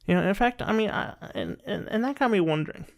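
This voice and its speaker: A man giving casual political commentary in a rambling, halting and sometimes sarcastic way, often restarting his sentences. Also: high-pitched, animated, vocal fry. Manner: rambling, halting delivery with repeated false starts. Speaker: political commentary video host.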